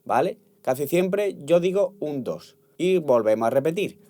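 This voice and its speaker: A man's voice: on the high side, animated, a little slow, dry recording. A man teaching flamenco guitar, patiently explaining and counting beats, often checking in with "¿vale?". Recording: guitar playing loud behind voice.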